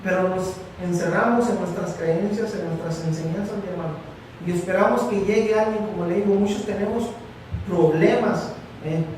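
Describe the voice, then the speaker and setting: A pastor delivers a sermon in a high, ringing voice, leaning into each point and repeating his address to the congregation. He sounds distant from the microphone, his words washing through a very echoey church hall. Faint room ambience hums underneath. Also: normal speed, darkish tone, slight background noise. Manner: preaching with rising emphasis, repeating "mi hermano".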